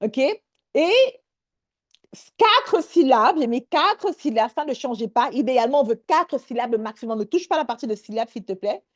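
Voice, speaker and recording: A woman leading a live online workshop, energetic and sprinkling English words into her talk. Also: fairly high pitch, fairly quick, few pauses, highs cut off.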